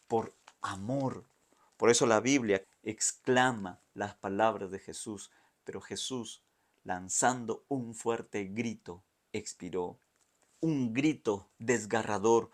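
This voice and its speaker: A male pastor giving a Bible study sermon, emphatic and repetitive, speaking straight to the viewer. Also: lowish voice. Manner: slow, emphatic, with dramatic pauses and repetition; addresses the viewer directly.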